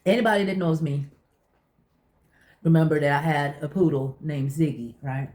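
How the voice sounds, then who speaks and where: A woman's voice: deep voice, moderate pace, darkish tone. A woman chatting casually and telling personal stories in an emphatic way, repeating phrases to drive her point home. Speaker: vlogger. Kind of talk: casual chit-chat storytelling. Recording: echoey room.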